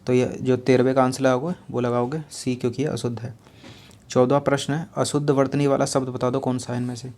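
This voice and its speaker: Guy teaching spelling for exams, monotone, keeps repeating the answer back, thrown in. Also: mid-range voice, fast talker. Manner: explains patiently, repeats each answer and asks rhetorical questions. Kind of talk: exam-prep lesson going through spelling questions.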